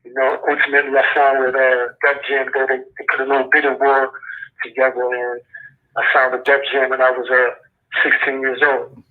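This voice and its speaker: A Brooklyn man with a New York accent talks casually through a tinny prison phone line, the sound thin and squeezed. His voice stays flat and level, and his speech is laid-back street slang with a habit of "you know what I'm saying.". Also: medium pitch, normal speed. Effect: heard over a prison phone line. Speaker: incarcerated rapper calling in as guest.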